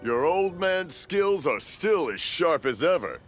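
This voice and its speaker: Cheery deaf old grandpa type, chuckles, rambles, music playing. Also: male voice, on the high side, big pitch swings, slow. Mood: cheerful, rambling. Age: older. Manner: rambling, mishears and repeats himself, chuckles. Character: cheerful old hard-of-hearing fireworks maker. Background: game music.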